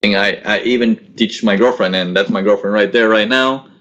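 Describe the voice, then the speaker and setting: The recording is muffled, capturing a young man's lowish, slightly bright voice at a normal pace through a laptop webcam mic on a video call. He grew up between Korea and the US and hosts a live forex trading webinar from a small room at home. Answering chat questions, he coaches casually and repeats his words a lot.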